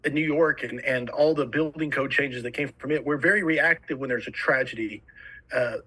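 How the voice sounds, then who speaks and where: A man's voice: medium pitch, bright, forceful tone, slightly rough, rough recording. A man with a New Jersey accent, a fire service instructor eagerly telling stories as a podcast guest. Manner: eager, rapid storytelling. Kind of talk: casual podcast conversation.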